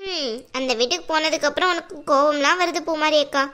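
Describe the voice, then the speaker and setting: A woman's voice: high voice, quick pace, bright, forceful tone. A woman voicing a cheeky, argumentative younger sister in a cartoon who needles her elder sister. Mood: needling.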